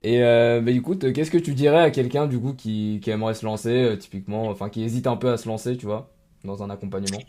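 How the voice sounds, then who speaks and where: A man's voice: mid-range voice, fast talker, mellow. A young man, a coach, interviewing a client in casual, slangy chat. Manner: informal, slangy.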